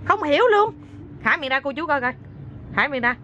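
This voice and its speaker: A woman's voice: high voice, expressive, moderate pace, highs cut off. A woman filming her toddler on a boat, cooing and teasing the child in a mix of Vietnamese and English. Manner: coos and teases a crying toddler, mixing Vietnamese and English. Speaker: mother filming her baby. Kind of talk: casual family vlog chat. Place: outdoors on a boat. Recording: loud outdoor noise, handheld camera.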